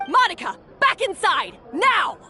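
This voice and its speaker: A woman's voice: high voice, very animated, unhurried, bright, forceful tone, soft background music, exaggerated voice. A woman playing a haughty, domineering female head chef in a video game, snapping out commands. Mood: commanding, angry. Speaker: game voice actor. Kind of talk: animated game voice acting.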